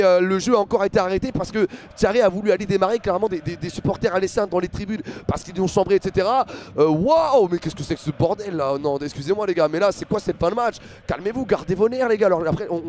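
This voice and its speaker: A young man with a French accent doing live football commentary for a stream, excitable, with many fillers, talking to his chat viewers. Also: high-pitched, fast talker, few pauses, a little hiss or hum.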